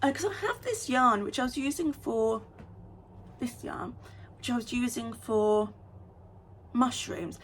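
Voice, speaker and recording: A chatty woman vlogger with a slightly high voice, talking quickly and getting excited over small things. Her speech runs on in an easy, casual way. There is a faint hiss of noise behind her. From United Kingdom. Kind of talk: casual vlog chat.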